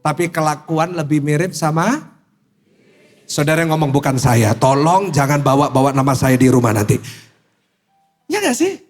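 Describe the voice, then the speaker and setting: A man, preaching to a church congregation in an animated, humorous, teasing way. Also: fairly high pitch, normal speed, faint music behind. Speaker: pastor. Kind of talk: sermon. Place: church service.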